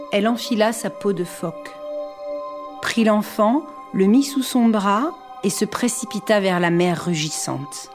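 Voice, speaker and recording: A woman narrating a folk tale in a soft, hushed storytelling voice. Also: mid-range voice. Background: background music.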